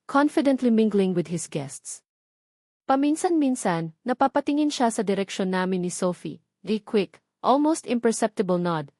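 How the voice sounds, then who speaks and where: A woman with a Filipino accent reads a scripted first-person romance story, acting as its storyteller. Her mid-range voice is a little mellow, and the recording is dry and of studio quality.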